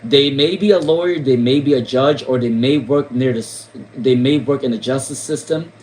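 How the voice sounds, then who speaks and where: A man's voice: mid-range voice, normal speed, darkish tone, rough recording. A man from Rhode Island giving casual tarot readings on a live stream, repeating names and questions with many fillers. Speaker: tarot reader.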